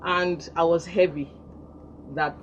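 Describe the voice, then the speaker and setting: A gospel singer from Delta State, a woman with a Nigerian accent, speaks as a guest in a radio studio interview. Her voice sits on the low side, with a steady tone and slow pace, and she comes across as soft-spoken, earnest and devout. The broadcast is lo-fi with faint noise.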